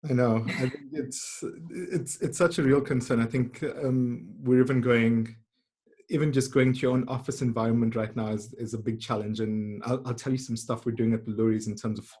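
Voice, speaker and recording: A man hosts a casual webinar interview over a video call, asking friendly questions and often repeating his words. His medium-pitched voice is steady, a little mellow, and breathy at the edges, moving at normal speed.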